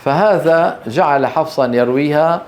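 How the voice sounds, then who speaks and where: A man with a Levantine Arabic accent teaches Quran recitation rules in a lecture, his voice sitting a little higher than most men's. He keeps his class alert with quick questions like "got it?" and then answers them himself. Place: teaching hall.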